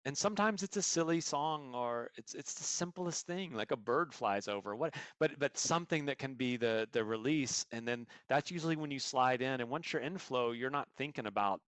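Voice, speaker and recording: A man's voice: mid-range voice, moderate pace, few pauses, a bit bright, dry recording. A man being interviewed as a coach, explaining his ideas earnestly through stories and examples. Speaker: guest coach. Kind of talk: podcast interview answers.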